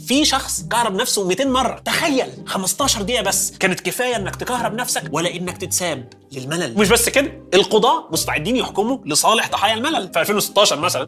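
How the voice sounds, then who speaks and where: With an Egyptian Arabic accent, a man in a high, sharp voice hosts a comedic science show. His narration is playful, and he keeps turning to the viewer and calling them "dear".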